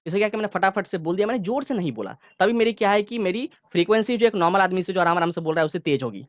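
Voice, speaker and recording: A man's voice: high-pitched, animated, very fast, dry recording, highs cut off. Male science teacher, patient step-by-step explainer, keeps asking if students follow, dry close mic. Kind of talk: classroom lecture.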